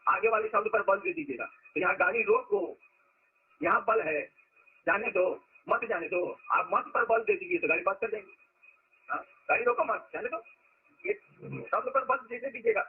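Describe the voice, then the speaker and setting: A man speaking as a teacher gives an informal spiritual discourse, conversational in tone and full of rhetorical questions. His voice sits high and is slightly rough, with phone-quality sound.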